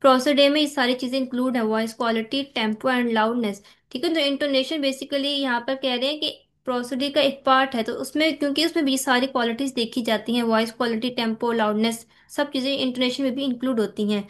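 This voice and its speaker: A woman with a Pakistani accent teaching a lecture. She explains from a text in Hindi-Urdu mixed with English terms, reads English lines slowly, and often checks in with "theek hai". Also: sits high, fairly even intonation.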